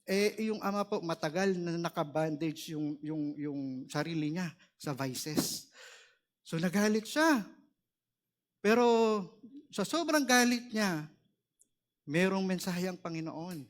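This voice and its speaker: A man delivers a sermon with earnest conviction. He asks his listeners for amens and surges upward on emphatic words. His voice sits slightly high. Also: animated, slow, long pauses. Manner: earnest, asks the room for "Amen", rises sharply on key words. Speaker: preacher.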